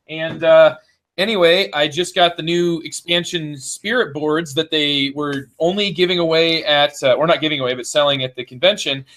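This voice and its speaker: A man hosting a podcast, chatting casually and enthusiastically, pitching a discount like an infomercial. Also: bright, forceful tone. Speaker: podcast host.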